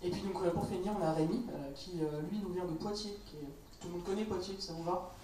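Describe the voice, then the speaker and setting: A man's voice: sits high, brisk. A man moderating a panel, introducing speakers in a loose, joking way. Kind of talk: informal moderating. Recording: roomy hall mic from far off, noise behind.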